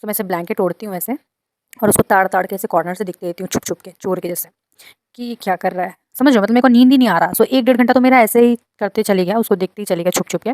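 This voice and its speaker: A woman telling a personal story to her viewers with plenty of drama and indignation. Her voice sits at a middle pitch and is recorded close and dry, with no room sound. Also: racing, darkish tone, dry recording. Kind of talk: casual storytelling.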